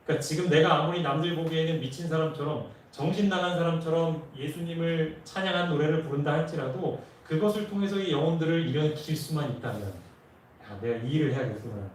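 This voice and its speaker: A man's voice: a little high, fairly quick, slight background noise. A man preaching a sermon, telling a story earnestly and rising with emotion at key moments. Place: church sanctuary. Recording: echoey church from far off.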